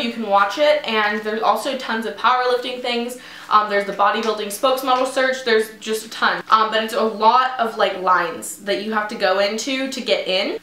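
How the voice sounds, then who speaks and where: A bright-voiced young woman chats through a casual haul, upbeat and loose, leaning on "like" and "um". Her slightly high voice rings in a small echoey room, picked up by a camera a few feet away. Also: a little hiss or hum. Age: young adult. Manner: chatty, upbeat, frequent "like" and "um". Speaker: fitness vlogger. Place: small indoor room, seated before a tapestry.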